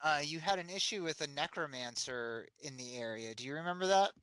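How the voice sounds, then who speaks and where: A man's voice: a little high, lively intonation, a little fast, a bit bright, clean tone, no echo, low-quality recording. Easygoing man asking friendly questions. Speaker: player. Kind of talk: tabletop role-play.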